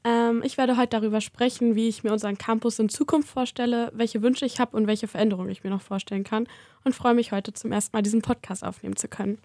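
Young woman, bright-pitched student voice. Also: steady tone, fast talker, dry recording, clean studio sound. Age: 20s. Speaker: student guest. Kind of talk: podcast chat.

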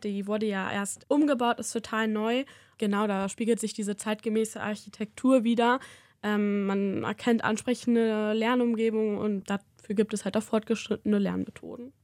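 A woman's voice: mid-range voice, a little mellow, dry recording, studio quality. A young woman in her twenties, a student guest speaking with enthusiasm on a podcast. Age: 20s. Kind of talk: podcast chat.

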